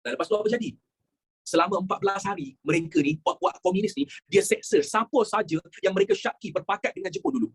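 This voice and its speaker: A young male teacher with a Malaysian Malay accent gives his students a lively history lesson, mixing in English phrases and acting out quotes. His voice is high and breathy-edged, and he talks quickly with few pauses.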